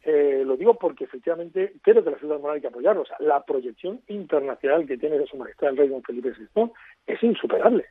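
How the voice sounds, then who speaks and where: Fast-talking man on a phone line. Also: fairly high pitch, lively intonation, slightly rough, dry recording. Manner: fast, expansive, lecturing. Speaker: guest. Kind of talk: radio interview by phone.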